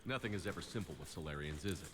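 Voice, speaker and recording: An actor playing a calm, authoritative military starship commander in a video game. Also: male voice, sits low, racing. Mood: commanding.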